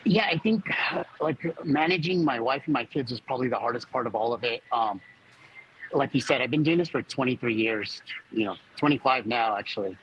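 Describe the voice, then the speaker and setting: A man of about fifty giving a personal account as a fire captain in an interview, speaking haltingly as he searches for words. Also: medium pitch, highs cut off, a little hiss or hum.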